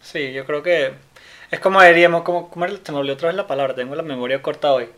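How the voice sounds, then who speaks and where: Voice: mid-range voice, rapid-fire, bright, forceful tone. A co-host on a casual chat show, easygoing, sometimes searching for words and echoing the other host.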